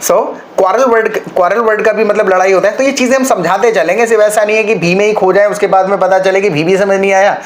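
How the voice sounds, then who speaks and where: A man's voice: sits high, fairly even intonation, fast talker, hardly any pauses, slight background noise. A man teaching a spoken-English lesson, patiently explaining and checking in with his learner.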